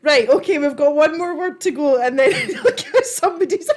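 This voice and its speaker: High-voiced giggly Scottish woman. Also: moderate pace. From Scotland. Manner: giggly, informal, chatty. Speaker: livestream host. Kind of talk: casual chat to a live audience.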